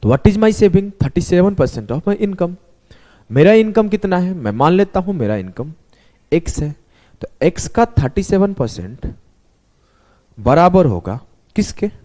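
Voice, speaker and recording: Lively, mellow-voiced male math teacher. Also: high-pitched, unhurried, long pauses. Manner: animated, talks students through step by step, spells words letter by letter. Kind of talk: classroom lesson explanation.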